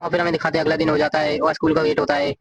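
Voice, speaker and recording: A man retells a comic story at a fast clip, stringing events together in long run-on sentences. His voice sits a little high for a man. He reads the characters' lines aloud without stopping for breath. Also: completely flat delivery, highs cut off. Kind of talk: casual story recap narration.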